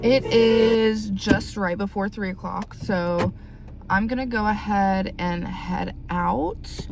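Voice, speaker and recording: A woman's voice: mid-range voice, takes it slowly, creaky, over music. A young woman talking candidly to camera in a casual vlog, chatty and full of likes. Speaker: vlogger.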